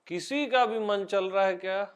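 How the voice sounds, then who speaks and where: A man leading a satsang, talking slowly, repeating short teachings and asking his listeners to answer. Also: high-pitched, clean tone, highs cut off. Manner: slow, repeating, questioning listeners. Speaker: spiritual teacher.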